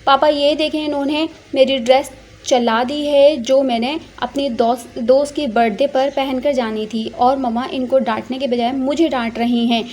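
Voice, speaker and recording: A woman voicing a spoiled, hot-tempered rich young woman who talks in a loud, whiny, demanding way. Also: high voice, fairly even intonation, normal speed, a little hiss or hum, close to an everyday voice. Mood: angry.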